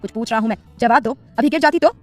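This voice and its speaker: A woman voicing a gruff but caring young man in a romance story, scolding in a raised, higher voice. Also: racing, soft background music, natural voice. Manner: scolding, exasperated.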